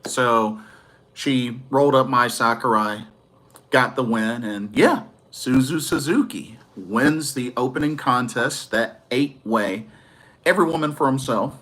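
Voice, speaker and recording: A man's voice: medium pitch, measured pace, fairly bright tone. A man giving a casual, enthusiastic wrestling review, rambling a little and correcting himself as he goes.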